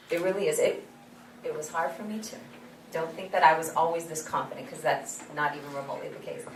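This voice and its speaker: A woman's voice: lowish voice, distant mic. A woman giving a motivational faith talk to a youth leadership forum, earnest and repetitive in her encouragement. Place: event hall. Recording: echoey hall, mic from afar, background noise.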